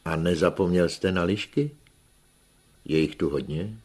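A husky-voiced man reading an audiobook, voicing a shrewd, cautious countryman who speaks in a dry, understated way. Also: deep voice, a little mellow. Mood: mild.

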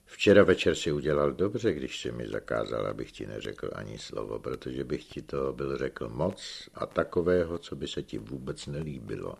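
A man doing a gruff, teasing old peasant. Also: extremely low pitch, lively intonation, hardly any pauses, exaggerated voice. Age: older. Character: sly shrewd old male peasant uncle.

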